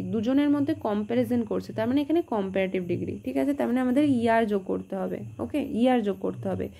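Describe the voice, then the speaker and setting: Gravelly-voiced woman teaching English grammar. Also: on the high side, warm tone. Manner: explains step by step, mixing English terms, asking rhetorical questions. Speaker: exam prep teacher. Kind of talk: online grammar lesson.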